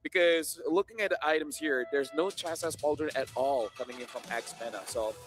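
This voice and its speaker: A young man analyses an esports match on a live broadcast desk. His voice sits a little high, and he works through his points aloud, restarting phrases as he goes. Soft music plays underneath. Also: fairly quick. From Malaysia. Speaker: esports caster.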